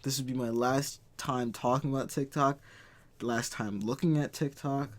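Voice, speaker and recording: A man's voice: mid-range voice, steady tone, moderate pace. A man in his twenties hosting a casual chat, ranting and swearing freely. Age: 20s. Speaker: podcast host.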